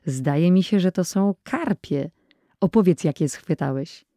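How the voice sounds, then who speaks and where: Narrator doing a calm older brother, steady, mellow voice. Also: mid-range voice, unhurried, no room sound, clean studio sound. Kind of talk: audiobook character voice.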